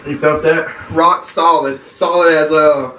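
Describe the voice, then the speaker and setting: A young man banters in a loose, slangy, joking way. His voice sits a little high for a man. He is recorded at a distance in a reverberant room with clear background noise. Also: steady tone, a little slow, sharp tone. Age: young adult. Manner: jokey, slangy. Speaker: challenge video participant. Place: small bare indoor room. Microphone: camera several feet away. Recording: echoey, noisy room, distant mic.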